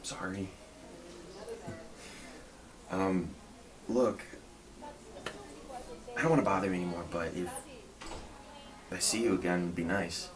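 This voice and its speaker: A man in his twenties playing a shy, awkwardly flirting guy in a role-play, halting as he nervously laughs off his awkwardness. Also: deep voice, crowd noise. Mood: shy, hesitant. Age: 20s. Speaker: solo role-play performer. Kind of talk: spoken role-play to the listener, casual small talk. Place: indoor room at home. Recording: distant mic, clearly noisy room.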